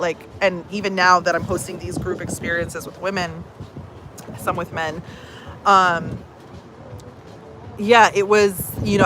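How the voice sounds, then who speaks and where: Against a noisy background, a fairly low-pitched woman talks to camera in a relaxed, chatty way. She's a thirties-aged personal growth coach who leans on fillers and reads viewers' comments aloud.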